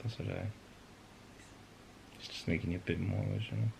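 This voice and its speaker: Deep, gravelly, soft-spoken man. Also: fairly even intonation, slight background noise. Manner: soft-spoken and halting, trailing off quietly. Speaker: husband and father, co-host. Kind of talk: casual chat.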